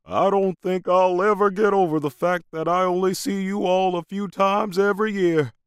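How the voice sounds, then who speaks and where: A man's voice: high-pitched, fairly even intonation, moderate pace, clear, resonant tone, no echo, studio quality, pitched above the performer's own voice, natural voice. A man playing a wistful grandfather who misses his family, speaking in a raised, plaintive voice. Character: fond older grandfather, wistful.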